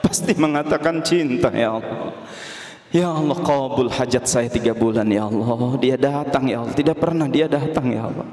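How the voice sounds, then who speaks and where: A man's voice: medium pitch, moderate pace, crowd noise, close to an everyday voice. A man voicing a heartbroken young male student who pleads with God. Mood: hopeful. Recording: echoey hall.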